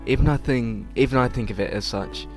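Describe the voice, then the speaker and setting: Over game music, a man hosts a let's play, informally reading visual novel text aloud, tripping over words and tossing in casual reactions. His medium-pitched voice is fairly quick and a little mellow.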